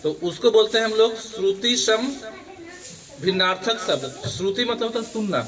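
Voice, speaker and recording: With a high, fairly bright voice at normal speed, a male schoolteacher leads a morning assembly and asks students questions they answer together. The crowd of children can be heard behind him.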